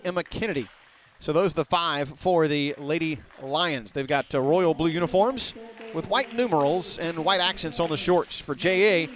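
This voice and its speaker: A middle-aged man, giving folksy, rambling play-by-play of a high school basketball game in a small gym. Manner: folksy, rambling, talks to viewers directly. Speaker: play-by-play announcer.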